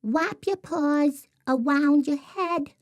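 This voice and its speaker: A tiny timid rat who can't say R's. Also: male voice, extremely high pitch, slow, no room sound, voice pushed up, heavily acted. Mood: growing bolder. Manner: shy, speaks with W for R. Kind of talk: audiobook character voice.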